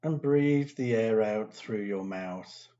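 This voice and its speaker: A man guiding a meditation, giving slow, calm, soothing instructions with long pauses. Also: fairly low pitch, highs cut off. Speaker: meditation teacher. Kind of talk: guided meditation.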